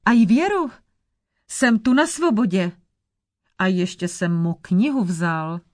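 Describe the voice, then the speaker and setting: Young son, clever and boastful, read by a woman, lively storybook voice. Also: medium pitch, dry recording, clean studio sound, natural voice. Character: clever bold young son, a shape-shifter.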